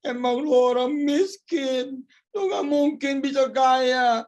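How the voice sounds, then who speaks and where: A man voicing a scornful male critic who shouts insults, rising and harsh. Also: very high voice, fairly even intonation, slow, voice pushed up. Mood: mocking.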